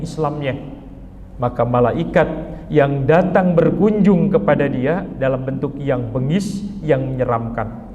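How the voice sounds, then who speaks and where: An emphatic male preacher delivers a sermon in a mosque. His voice sits fairly high and climbs sharply when he acts out pleas. The recording is muffled and carries a long, ringing hall reverb. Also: a little mellow, slight background noise. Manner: emphatic, rising to high pleas when quoting the dying man.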